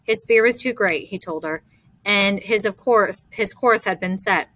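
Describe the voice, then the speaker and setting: Bright-voiced woman narrating an audiobook. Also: mid-range voice, unhurried, dry recording. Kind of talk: scripted narration.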